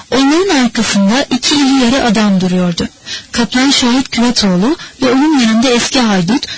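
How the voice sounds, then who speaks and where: A woman narrating a novel as an audiobook in a measured, steady reading manner. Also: fairly high pitch, a little hiss or hum, low-quality recording. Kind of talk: scripted narration.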